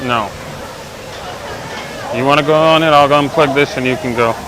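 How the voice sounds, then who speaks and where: A man's voice: mid-range voice, moderate pace. A man chatting casually on a livestream with joking, punning banter. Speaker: livestream companion. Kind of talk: casual chat. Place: outdoors in a busy theme park. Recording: noisy outdoor crowd, background din.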